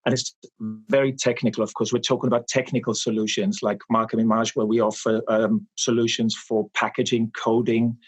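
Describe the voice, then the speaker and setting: A man in his forties, from Austria, answering interview questions about his marketing work in a measured, explanatory way with frequent pauses. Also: fairly low pitch, level tone, husky. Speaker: guest, marketing expert. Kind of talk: interview conversation.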